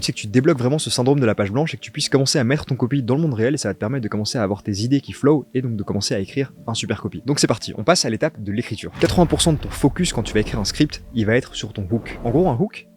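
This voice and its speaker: A man's voice: medium pitch, very fast, hardly any pauses, a little mellow, soft background music. A man, a copywriter, giving a casual video tutorial, talking straight to the viewer in an informal, slangy way. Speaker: copywriter teaching ad scripting.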